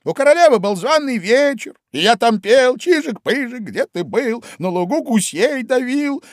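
A man voicing the Hatter as a manic, excitable grown man who talks high and loud in a storybook reading. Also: normal speed, no echo, clean studio sound.

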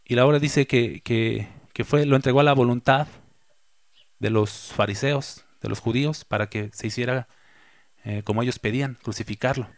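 Male pastor, mid-pitched voice, dry close sound, reads scripture and drives it home by repeating it. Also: fairly even intonation, dry recording. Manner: reads verses aloud, then repeats key phrases slowly with emphasis. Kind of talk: sermon with scripture reading.

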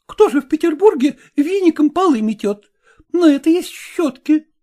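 A woman voicing a sharp, scornful city housemaid who scolds and exclaims. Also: high-pitched, animated, normal speed, voice pushed up. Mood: scolding.

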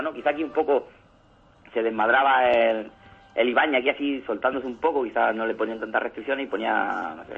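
Guy chatting on radio, husky voice, tinny lo-fi line, acts out bits of comics. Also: medium pitch. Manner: animated storyteller, acts out comic scenes. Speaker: radio show co-host. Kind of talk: casual radio chat about comics. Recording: lo-fi phone-like radio sound.

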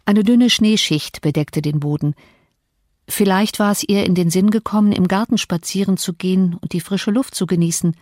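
A woman reads a novel aloud in a calm, measured way. Her voice sits in a middle register. The recording is close and dry, with no room sound. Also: mid-range voice, no echo. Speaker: audiobook narrator. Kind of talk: scripted audiobook narration.

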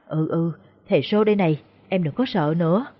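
A woman's voice: lowish voice, fairly quick, natural voice. A frightened peasant woman, voiced by a female storyteller stammers humbly in a voice. She sounds deferential and anxious. The recording is dull and lo-fi. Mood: anxious pleading.

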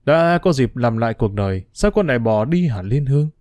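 Man voicing an old innkeeper, fatherly, gentle soft speech, mellow dark tone, lively pitch. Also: a little fast, dry recording, clean studio sound, natural voice.

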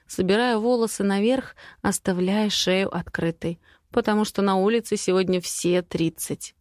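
A young woman reading a first-person audiobook with a steady, intimate voice. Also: medium pitch, dry recording, studio quality. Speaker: audiobook narrator.

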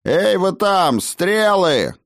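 A man's voice: sits high, very animated, drawn-out words, gravelly, no echo, clean studio sound, pitched above the performer's own voice, heavily acted. A man playing an enraged stern craftsman. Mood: shouting. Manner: shouting, commanding. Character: angry middle-aged male craftsman, stern, fearful.

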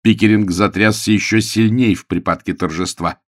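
A man narrating an audiobook in an expressive storytelling manner. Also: fairly low pitch, normal speed, dry recording, studio quality. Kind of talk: scripted narration.

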